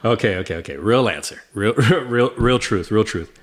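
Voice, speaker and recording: A man co-hosting a casual podcast, excitable, often repeating his words as he tells a story. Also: on the low side, normal speed. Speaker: podcast co-host. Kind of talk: casual chat.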